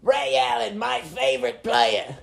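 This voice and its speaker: A man voicing a brash stoner sports commentator with a gravelly smoker's voice, loud and rambling. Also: very high-pitched, very animated, a little slow, heavily acted. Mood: boisterous. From Wisconsin. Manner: loud, rambling, fan-biased. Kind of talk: comedic mock sports commentary.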